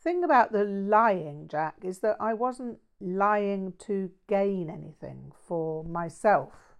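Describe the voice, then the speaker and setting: A woman's voice: medium pitch, expressive, slow pace, creaky, clear, resonant tone. A woman voicing a mild, erudite, earnest Buddhist man in an audiobook story, speaking in a precise, bookish way.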